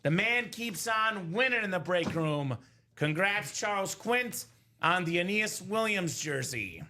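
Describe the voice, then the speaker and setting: Guy in his 30s running a live break, high bright voice, chatty and upbeat. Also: unhurried. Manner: energetic, chatty, calls out names and teams. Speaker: host of live card breaks. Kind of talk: live stream commentary.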